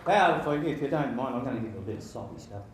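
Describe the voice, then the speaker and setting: A man in his sixties giving an informal wedding speech as father of the bride, halting and jokey with sentimental touches. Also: mid-range voice, expressive, a loud crowd. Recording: very echoey room with faint background noise.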